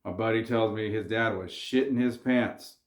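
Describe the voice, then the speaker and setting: A man's voice: fairly low pitch, moderate pace, roomy sound. A man talking casually straight to camera, slangy and earnest as he warns viewers to keep their cool. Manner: laid-back, slangy, earnest. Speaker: vlogger. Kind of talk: casual advice monologue.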